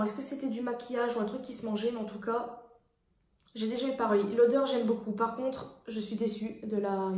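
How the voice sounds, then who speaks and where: A woman's voice: a little high, a little mellow. Chatty French woman vlogging in an echoey room. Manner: chatty, rambling, frequent fillers and self-corrections; swatching lipsticks while talking. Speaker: beauty vlogger. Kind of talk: casual haul video chat.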